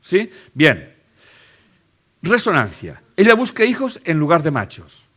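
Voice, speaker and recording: A man's voice: fairly high pitch, huge pitch swings, a little slow, fairly bright tone. A man with a Spanish accent from Spain, giving a live lecture to an audience and driving his points home with rhetorical questions and tag checks.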